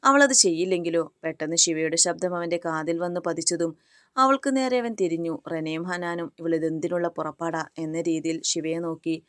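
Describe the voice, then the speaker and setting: A woman narrating a romance story in a steady, even reading. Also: on the low side, moderate pace, clear, resonant tone, no echo, studio quality.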